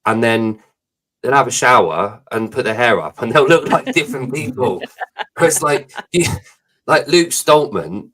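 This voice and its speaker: A man's voice: mid-range voice, normal speed. A man in his thirties co-hosting a podcast, telling stories in casual chat and swearing freely. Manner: swears freely, storytelling with animated asides. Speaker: podcast co-host.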